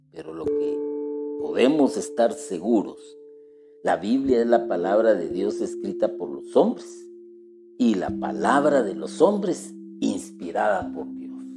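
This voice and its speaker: Over plucked guitar music, a man with a mid-range voice gives a religious teaching talk. He speaks slowly and deliberately, addressing the listener directly.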